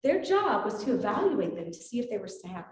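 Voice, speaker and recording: A woman physician giving a talk to a live audience, telling her story with animated, acted-out dialogue. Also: mid-range voice, a little fast. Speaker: physician speaker. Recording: echoey room with faint noise.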